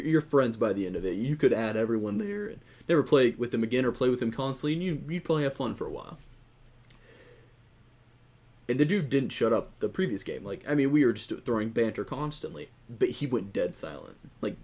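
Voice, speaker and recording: A man's voice: mid-range voice, darkish tone. Young man ranting casually about games. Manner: rambling and exasperated, with frequent restarts and swearing. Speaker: gaming YouTuber. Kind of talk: casual gaming rant to camera.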